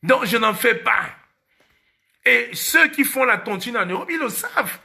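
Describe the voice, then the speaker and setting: A man's voice: very high-pitched, animated, measured pace, creaky, pushed and bright. A man from Cameroon with a Cameroonian French accent, hosting a casual live stream and hammering his points home by repeating key phrases.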